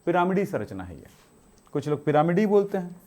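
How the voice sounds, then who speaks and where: Man teaching chemistry, mellow voice. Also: high-pitched, big pitch swings, a little fast. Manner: asks students questions and answers them himself; strict, scolding about homework. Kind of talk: classroom lecture.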